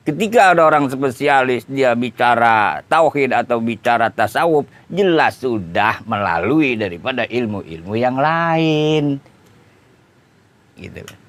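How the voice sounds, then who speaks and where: Casual Indonesian preacher, chatty teaching tone. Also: male voice, medium pitch, lively intonation, a little slow, fairly bright tone. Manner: conversational, explaining with everyday examples and repeated tag phrases. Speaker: Islamic preacher. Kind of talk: informal religious lecture.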